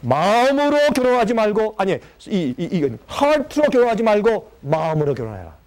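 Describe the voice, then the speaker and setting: A man with a high-pitched voice delivers a sermon as a story. He acts out the people in it with lively, dramatic delivery. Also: normal speed. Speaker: pastor.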